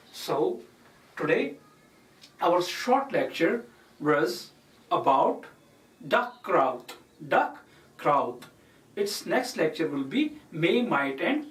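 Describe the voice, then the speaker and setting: Guy teaching a language lecture, talks real slow and says examples over and over, echoey room, far from the mic. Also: high voice. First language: Kashmiri. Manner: repeats each example word by word while explaining. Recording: roomy echo, mic far off.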